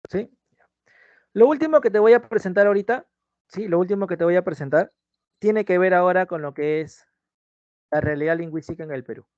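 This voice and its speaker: A man with a slightly high voice teaches an online class. He keeps repeating his points and asks "¿sí?" again and again. The sound is dry and a little dull. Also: fairly quick, pauses often, darkish tone, no room sound. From Peru. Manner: repeats key phrases, checks in with "¿sí?". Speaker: pre-university language teacher.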